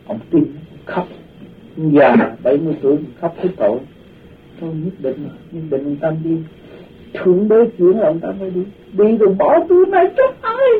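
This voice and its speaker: A man with a slightly high voice animatedly tells a story from his own past, acting out the voices of the people in it as a kind of spoken personal testimony. The recording sounds tinny, distant and phone-like, with slight background noise.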